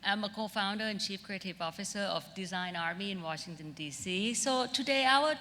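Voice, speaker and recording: On a large auditorium stage, a middle-aged creative director from Bangkok delivers a keynote in Thai-accented English, telling personal stories in an informal, chatty way. Her mid-range voice is brisk, pushed, and bright. The auditorium is reverberant, leaving a long echo in the recording.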